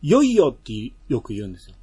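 A man's voice: mid-range voice, huge pitch swings, fast talker, mellow, husky. A man with a Kansai accent chatting casually as podcast co-host, laughing often and stretching his fillers. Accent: Kansai Japanese. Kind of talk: casual chat.

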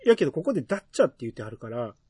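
A man's voice: mid-range voice, very fast, husky, no room sound, clean studio sound. A man with a Kansai accent, hosting a casual podcast chat and reading listener mail aloud. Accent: Kansai Japanese. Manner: relaxed, musing, reads listener mail. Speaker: podcast host.

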